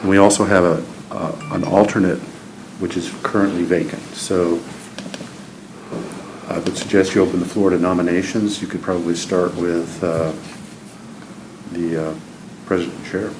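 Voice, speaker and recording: Deep, flat-voiced man advising a board, hesitant and measured, over a noisy recording.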